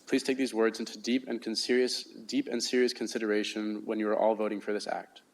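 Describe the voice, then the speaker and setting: A man's voice: lowish voice, flat delivery, a little fast. A man gives an earnest public comment at a city council meeting, appealing to the council.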